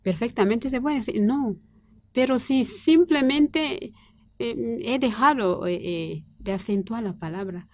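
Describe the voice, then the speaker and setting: A woman's voice: a little high, darkish tone, no echo, clean studio sound. Hesitant woman teacher in debate. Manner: hesitant, many filled pauses. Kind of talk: roundtable debate.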